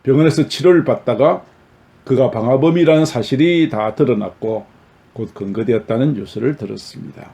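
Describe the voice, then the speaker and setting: A man's voice: medium pitch, moderate pace, dark tone. A male pastor giving a sermon and telling illustrative stories in an earnest manner, with emphatic rises in his voice.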